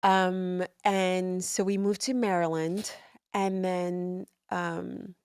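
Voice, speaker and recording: A woman from Rwanda and Congo, a midwife, telling her story in a relaxed, casual way with fillers as a podcast guest. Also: lowish voice, slow pace, clean tone, no room sound.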